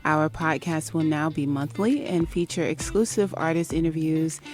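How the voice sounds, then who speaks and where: A woman co-hosting an entertainment podcast, reading promos in a measured way and chatting about celebrities. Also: low-pitched, darkish tone, soft background music. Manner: reads show promos in a measured way. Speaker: podcast co-host. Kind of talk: casual podcast chat.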